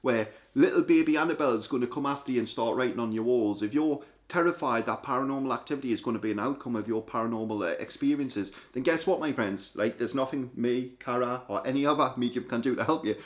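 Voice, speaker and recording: A man hosting a relaxed spiritual talk show, lively and playful, with a habit of addressing his viewers directly. His voice sits mid-range for a man, and he talks about the spirit world with eager conviction. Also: medium pitch, fast, few pauses. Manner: playful, energetic, lecturing the viewers. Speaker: channel host. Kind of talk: casual spiritual chat.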